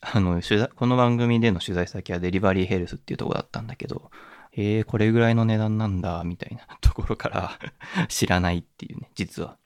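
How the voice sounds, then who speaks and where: Low-voiced man musing on a podcast. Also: quick pace, no echo, clean studio sound. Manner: reflective, musing, many fillers and restarts. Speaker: podcast host. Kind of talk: casual solo podcast talk.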